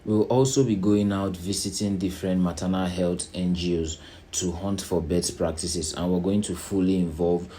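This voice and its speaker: A man with a low voice presents plans to volunteers as their organisation's leader. He speaks slowly and without hurry, explaining each point deliberately. Some background noise sits behind his voice. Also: steady tone, warm tone. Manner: slow, unhurried, deliberate explaining; checks in with "right?".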